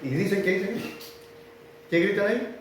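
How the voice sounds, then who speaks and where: Chilean male preacher, slightly high voice, emphatic and repetitive, very roomy church sound. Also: expressive, normal speed, distant mic, background noise. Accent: Chilean Spanish. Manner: emphatic, repetitive preaching with sudden loud rises. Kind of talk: sermon. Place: church hall. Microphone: filmed for online viewers. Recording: very echoey church hall.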